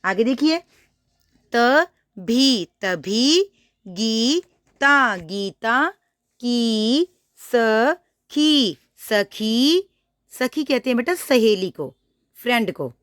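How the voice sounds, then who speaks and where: A woman teaching a first-grade reading lesson, saying each word slowly and twice, then explaining to the child with questions. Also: fairly high pitch, expressive, fairly bright tone, no echo, studio quality. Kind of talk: primary school reading lesson.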